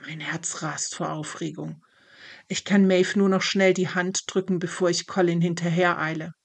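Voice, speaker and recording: Gravelly, calm storybook narrator. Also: medium pitch. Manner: calm, measured. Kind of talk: first-person storybook narration.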